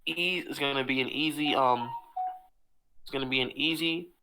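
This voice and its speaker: A man narrating a tabletop role-play game as its game master, describing scenes and rulings in a relaxed, plain manner. His voice sits at an ordinary middle pitch. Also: moderate pace, noisy background.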